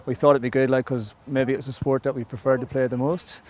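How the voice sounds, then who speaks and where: An Irish man in a documentary interview, telling in a relaxed, plainspoken way how his club got started. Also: mid-range voice, a little fast. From Ireland. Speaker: club player.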